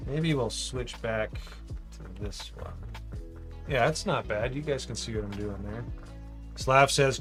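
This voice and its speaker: A man of medium pitch with a slightly bright voice hosts a livestream, building a model as he thinks out loud. He reads out chat messages and trades jokes with viewers in a casual way.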